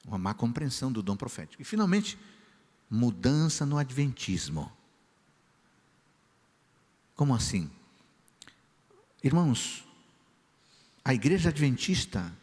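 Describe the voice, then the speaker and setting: A man preaching a sermon as pastor, who tells a story with lively quoted voices. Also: medium pitch, slow, pauses often, breathy edge. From Brazil. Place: large church hall. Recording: church hall reverb.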